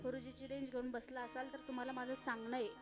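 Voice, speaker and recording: A woman preaching a devotional kirtan sermon, telling stories in an animated, dramatic way. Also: high voice, fast talker, music in the background. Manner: animated, dramatic storytelling, acting out each figure.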